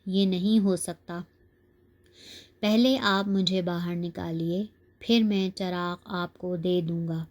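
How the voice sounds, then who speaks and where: A woman's voice: lowish voice, fairly even intonation, a little mellow, lightly acted. A woman voicing a stubborn young boy who insists on getting his way, in a storybook reading. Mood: insistent. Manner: insistent, pleading. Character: stubborn boy Aladdin refusing his uncle.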